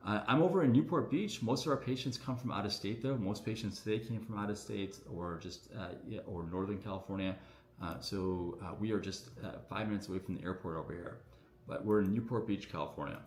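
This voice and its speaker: A man, a doctor, answering viewer questions on a casual livestream in a relaxed, chatty way full of fillers, his voice echoing around the room. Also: fairly low pitch, a little fast. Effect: echoing room sound on the stream. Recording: echoey room audio on a livestream.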